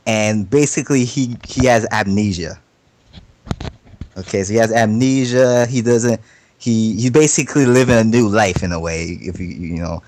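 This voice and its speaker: With a fairly low, somewhat mellow voice, this man chats on an anime podcast, a faint hiss or hum in the background. He meanders through his views in halting, slang-heavy speech, cursing and repeating himself a lot.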